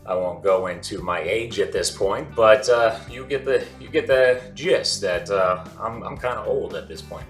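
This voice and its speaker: Speaking at a normal speed with hardly any pauses, a man in his forties runs his casual vlog in a lowish voice. He wanders through his talk with many fillers and restarts, in an echoey room with faint music behind him.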